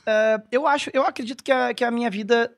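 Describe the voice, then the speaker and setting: A man's voice: very high-pitched, steady tone, fast talker. A man, chatting casually as a podcast guest in a rambling, hesitant, self-correcting way. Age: 30s. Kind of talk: casual chat.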